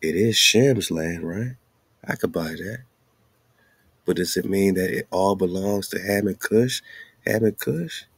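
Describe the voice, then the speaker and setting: The host's voice is low, creaky, and slightly rough, running a little slow in this slangy monologue over on-screen maps and documents. He leans on rhetorical questions and repeated phrases for emphasis. The recording carries no room sound.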